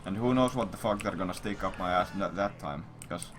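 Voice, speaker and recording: A livestreamer with a fairly low voice talks casually and quickly over noisy stream audio full of keyboard clatter. He rambles to his viewers, swears freely, and keeps circling back to repeat his blunt remarks, coming across as profane, blunt, and repetitive.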